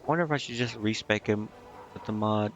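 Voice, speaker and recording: A male streamer gives casual video game commentary, thinking aloud in a hesitant, rambling way over game music. His voice is lowish and fairly quick, and the sound is lo-fi.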